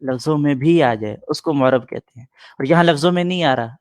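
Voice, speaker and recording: A man's voice: on the high side, darkish tone, no echo. Patient man teaching grammar, dry sound. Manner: patient, repeats points and answers students' questions. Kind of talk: classroom grammar lesson.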